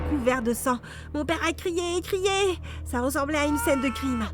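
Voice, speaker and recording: A high-voiced woman narrates an animated storytime in a dramatic, exclamatory way. Loud background music plays under her voice throughout. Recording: music playing behind.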